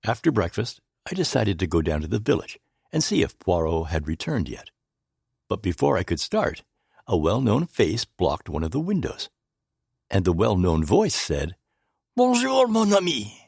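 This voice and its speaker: A man reading a mystery novel aloud as a first-person narrator, measured and storytelling. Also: sing-song, vocal fry, darkish tone, breathy edge, no room sound, clean studio sound. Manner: measured, storytelling, with wide pitch movement. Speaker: audiobook narrator.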